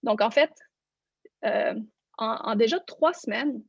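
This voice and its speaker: Gravelly woman presenting slides. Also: on the high side, slow, dry recording. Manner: explanatory, walks listeners through slides. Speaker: neuroscience researcher giving a lecture. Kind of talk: online lecture presentation. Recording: dull, lo-fi online conference audio.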